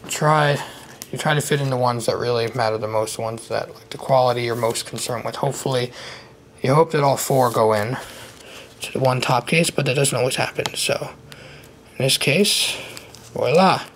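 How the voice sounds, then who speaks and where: Sitting at a desk indoors, a trading card hobbyist runs through a loose, hands-on how-to, his slight retainer lisp audible. His voice is medium in pitch and fairly bright, delivered at a moderate pace. It's a rough recording, with clear background noise and clicks from handling.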